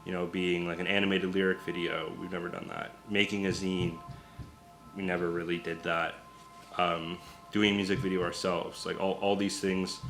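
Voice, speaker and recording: Band guy with a really deep flat voice, matter-of-fact, faint music. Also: moderate pace. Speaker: band member. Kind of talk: casual interview answer.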